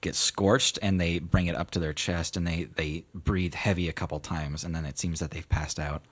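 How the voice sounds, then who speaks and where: A man narrating a tabletop game as game master in a casual, halting, improvised way. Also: sits low, fairly even intonation, husky.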